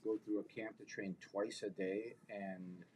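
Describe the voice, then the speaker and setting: Lower-voiced man hosting a podcast. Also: flat delivery, measured pace, darkish tone, slight background noise, low-quality recording. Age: over 40. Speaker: podcast host. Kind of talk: casual podcast chat.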